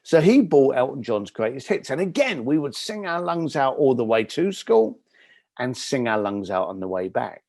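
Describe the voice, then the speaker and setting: A man's voice: mid-range voice, big pitch swings, moderate pace, darkish tone, no room sound. A man, a guest in an interview, telling stories with animation and acting out the voices in them. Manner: acts out the voices in his stories.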